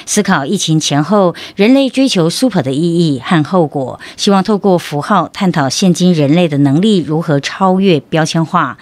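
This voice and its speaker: A woman announcer reading a scripted program introduction in a smooth, even way. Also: on the low side, no echo. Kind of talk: scripted narration. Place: radio studio.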